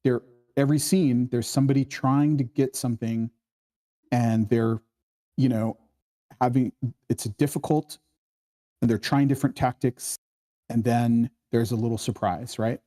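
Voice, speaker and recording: Leading a casual discussion on screenplays, a male workshop host speaks in an unhurried way, pausing often. His voice is mid-range and dark-toned, with fairly even intonation. He acts out quoted dialogue while explaining and checks in with listeners by often saying "right?"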